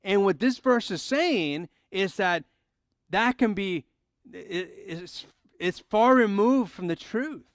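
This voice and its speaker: A male pastor preaching a sermon in a conversational way, acting out everyday quotes and dropping his voice low and soft for emphasis. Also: expressive, takes it slowly, no room sound, clean studio sound.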